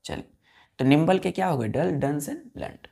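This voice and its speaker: A woman's voice: deep voice, lively intonation, moderate pace, gravelly, dark tone. A woman with an Indian accent teaching English vocabulary, spelling each word letter by letter and repeating questions to her students. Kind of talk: classroom vocabulary lesson.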